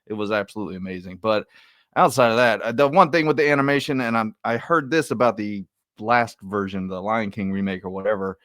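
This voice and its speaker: Low-voiced man giving measured opinions. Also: fairly bright tone, no room sound, clean studio sound. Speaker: podcast co-host. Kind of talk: casual film review chat.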